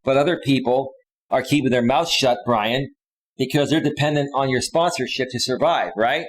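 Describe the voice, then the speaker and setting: Heard in a low-quality recording, a man with a mid-range voice speaks at normal speed while hosting a livestream. He chats off the cuff in a slangy, casual way, directly and insistently addressing viewers over and over.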